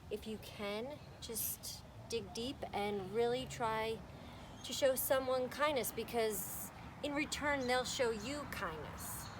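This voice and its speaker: Against background noise, a woman with a mid-range voice reads a story aloud to children and gives craft instructions. Her explanations are simple and encouraging.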